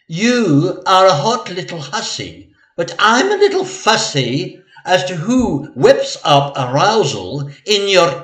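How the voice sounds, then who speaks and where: An actor playing a saucy, haughty, scolding royal consort in a theatrical rhyming comedy. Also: male voice, sits high, fairly bright tone, heavily acted. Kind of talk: theatrical rhyming comic drama. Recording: echoey room, distant microphone.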